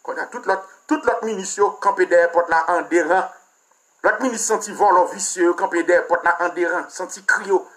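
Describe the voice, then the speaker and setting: A man's voice: high-pitched, moderate pace, fairly bright tone. A man with a Haitian accent, a political commentator delivering a heated, mocking and crude rant.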